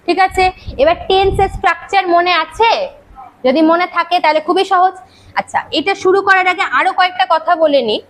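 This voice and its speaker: A woman with a strikingly high voice teaches grammar in a classroom, speaking. She drills her pupils with rapid rhetorical questions and scolds them when they chat. Her tone is brisk and teacherly throughout. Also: fairly even intonation, fairly bright tone, rough recording. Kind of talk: classroom lecture. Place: classroom with students.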